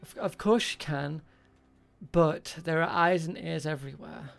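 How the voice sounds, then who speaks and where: A game master improvises tabletop roleplay as a shopkeeper, his creaky, mid-range voice unhurried and his delivery hesitant.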